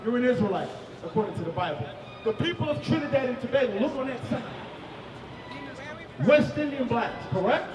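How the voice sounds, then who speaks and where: Male street preacher, high voice, emphatic with bursts of shouting, distant mic in an echoey space. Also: lively intonation, brisk, over music.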